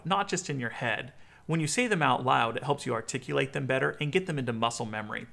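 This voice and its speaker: An American man in his thirties, a video host, delivers a clear instructional explainer in a medium-pitched, slightly bright voice.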